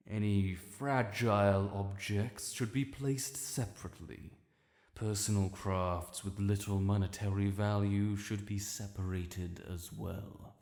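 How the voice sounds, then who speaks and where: In a fantasy audio roleplay, a British performer plays a proud, ancient dragon lord who is imperious and quick to righteous anger. He commands in a low, gravelly, darkish voice, formal and haughty, choosing archaic phrasing deliberately. The sound is drenched in cavernous reverb with a long echo.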